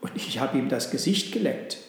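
A man voicing an excitable, curious talking dog in a read-aloud storybook, speaking eagerly. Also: medium pitch, moderate pace, close to an everyday voice. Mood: excited. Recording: very echoey room with long reverb.

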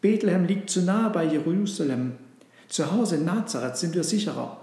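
A man's voice: high-pitched, expressive, moderate pace, warm tone, pitched above the performer's own voice. Timid poor carpenter from a storybook, voiced by a man, hesitant and worried, echoey. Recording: roomy echo.

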